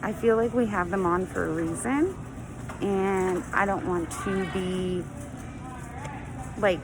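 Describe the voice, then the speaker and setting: A woman's voice: medium pitch, slow pace. A woman chatting casually as a vlogger in a grocery store, her voice slightly muffled by a face mask. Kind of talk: casual shopping vlog chat. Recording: noisy store background.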